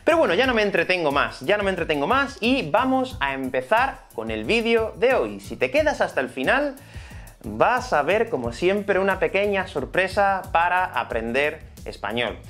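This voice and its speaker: Lively Spanish teacher man from Spain. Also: high voice, normal speed, faint music behind. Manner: chatty, explanatory, many fillers. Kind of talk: online Spanish lesson.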